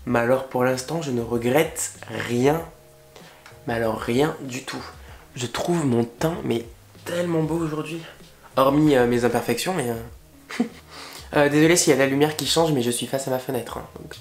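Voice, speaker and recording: A young man chatting through a makeup tutorial at home, gushing excitedly over the products with casual slang. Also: mid-range voice, moderate pace. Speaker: makeup vlogger. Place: indoor room at home, facing a window. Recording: roomy echo.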